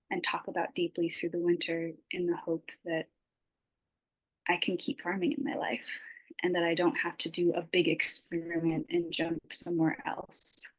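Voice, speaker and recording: Woman farmer, reflective and halting, with a lowish voice and dry sound, sharing her experience on a video call. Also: no echo, poor audio. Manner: reflective, halting, with many fillers. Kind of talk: personal sharing in an online support circle.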